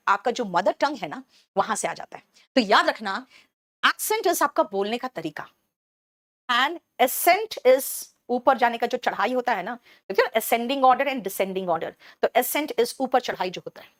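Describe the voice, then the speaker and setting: A woman as a brisk, motherly teacher, fairly high voice, dry close sound, live online class. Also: a bit bright, dry recording. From Bihar, India. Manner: brisk and motherly, calls students 'beta' and answers chat questions; explains English words in Hindi, switching between the two. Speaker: English teacher.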